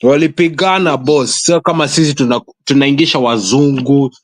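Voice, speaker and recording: A Kenyan man on a talk panel, mid-pitched and recorded dry and close. He often chimes in to agree and mixes English with Swahili. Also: normal speed, no echo.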